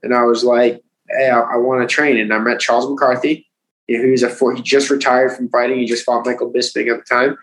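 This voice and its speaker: A man's voice: mid-range voice, fast, low-quality recording. A man in his thirties with a Boston accent, a professional fighter telling his story in a casual interview, acting out quotes with lots of "like" and "you know.". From United States. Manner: animated, acts out quotes, frequent "like" and "you know".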